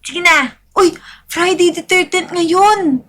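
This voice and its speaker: Very high, bright Filipino woman streamer. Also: slow pace. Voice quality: soft, calming voice. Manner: upbeat hype, coaxing viewers to follow and repost. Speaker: live-stream host. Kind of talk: casual live-stream commentary while gaming.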